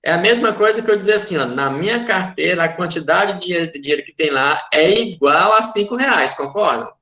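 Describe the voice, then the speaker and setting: Teaching math online, a man with a Brazilian Portuguese accent walks through a word problem, patiently repeating and checking that everyone follows along. He talks briskly in a high voice with lively intonation, his delivery pushed and bright, in an echoey room.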